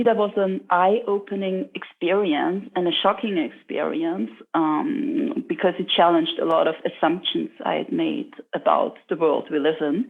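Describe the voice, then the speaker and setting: A woman speaks with a gravelly, creaky edge to her voice. She answers earnestly and stops often to search for words. The sound is thin and phone-like. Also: on the low side. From Austria. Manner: earnest, pausing often with fillers. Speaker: guest, social entrepreneur. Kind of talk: reflective interview answers. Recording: tinny phone-like line.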